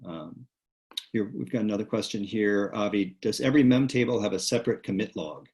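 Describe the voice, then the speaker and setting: A man with a fairly low voice moderates a live online question session. He reads audience questions aloud and talks in a relaxed way with some fillers. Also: brisk. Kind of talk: hosting a live Q&A. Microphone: video call.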